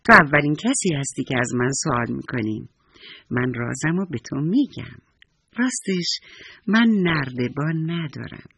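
A man doing a gentle wise old squirrel. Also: on the high side, expressive, creaky, husky, no room sound, heavily acted. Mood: confiding. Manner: gentle storytelling.

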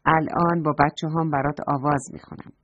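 A woman's voice: sits low, slight background noise, voice pushed down, lightly acted. A woman voicing an obliging goose with goslings in a children's story, on a dull lo-fi recording. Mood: pleased. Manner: flattered, obliging. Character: pleased mother goose with goslings.

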